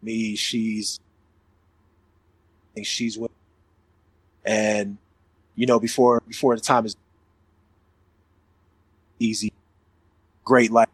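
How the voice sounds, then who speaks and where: A man's voice: lowish voice, very slow, vocal fry, pauses often, slightly rough, no echo, low-quality recording. A man hosting a casual chat, talking loosely and plainly, his voice coming through a group online voice call. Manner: relaxed, loose talk with profanity. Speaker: podcast host.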